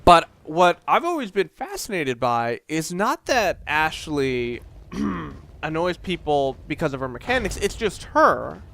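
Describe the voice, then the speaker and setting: Playing a video game, a young man offers loose, rambling commentary and keeps interrupting himself, as let's play hosts do. He speaks a little slowly in a highish, creaky voice that's pushed and bright, with big swings in pitch. Faint background noise and game audio sit beneath him.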